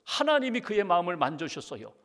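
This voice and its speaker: A man's voice: high voice, sing-song, fast. A middle-aged man, a pastor, preaching a sermon with earnest conviction, at times pleading in prayer. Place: large church sanctuary. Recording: church hall reverb.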